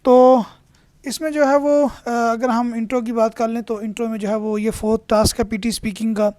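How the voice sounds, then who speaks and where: A man's voice: very high-pitched, flat delivery, moderate pace, darkish tone, no echo. Methodical male exam tutor, dry close sound. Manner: methodical, step-by-step explaining. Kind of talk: tutorial narration over slides.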